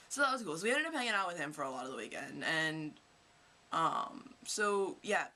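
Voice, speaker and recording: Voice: medium pitch, animated, moderate pace, bright, forceful tone. A teenage vlogger from Kentucky telling rambling stories to camera in a casual, chatty way. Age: teens. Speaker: vlogger, high school student.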